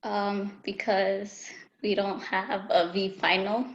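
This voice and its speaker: A woman's voice: mid-range voice, little pitch movement, slow pace, highs cut off. A teenage girl answering a tutor's questions over a video call, hesitant and tentative. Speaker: student.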